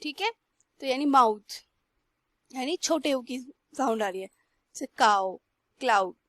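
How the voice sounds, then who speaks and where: A young woman teacher slowly reads textbook lines aloud and then explains them in Hindi. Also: high-pitched, animated, a bit bright, no room sound. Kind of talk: classroom lesson.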